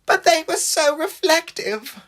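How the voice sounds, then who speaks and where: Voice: medium pitch, huge pitch swings, moderate pace, pushed and bright, slightly rough, voice pushed up, heavily acted. A narrator voicing James's sort of character, a cheeky male steam engine with a whiny, sarcastic and theatrical manner. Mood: theatrical mockery.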